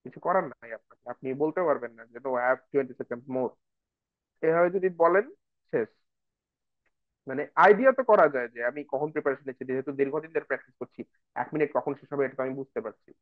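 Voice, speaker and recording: A man's voice: fairly high pitch, fast talker, no echo. Man tutoring over tinny audio. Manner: explanatory, addresses viewers as brother and sister, switches into English phrases. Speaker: IELTS speaking tutor. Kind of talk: online lesson mixing Bengali and English.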